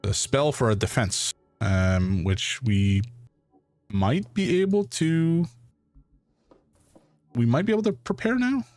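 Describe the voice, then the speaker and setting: A man streaming a fantasy role-playing game, reading its text aloud with playful, excitable commentary. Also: medium pitch, slow pace, pauses often, no room sound, soft background music.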